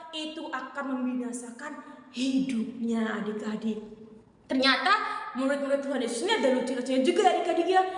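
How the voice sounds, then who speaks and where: A young woman teaching a children's sermon, telling the story in a playful, animated way and speaking straight to the kids. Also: high-pitched. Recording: echoey hall reverb.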